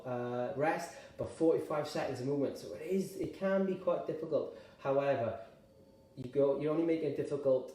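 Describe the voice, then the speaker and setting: A man's voice: medium pitch, mellow. Welsh man coaching exercise, a bit winded. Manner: encouraging, chatty, a bit out of breath while exercising. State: slightly out of breath. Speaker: exercise instructor. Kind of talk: live online exercise class. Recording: echoey room, mic at a distance.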